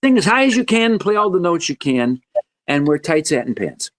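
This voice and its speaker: A man in his seventies, a guest musician telling stories in a podcast interview in an animated, joking way. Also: moderate pace. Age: 70s. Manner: animated, joking, wide swings in pitch.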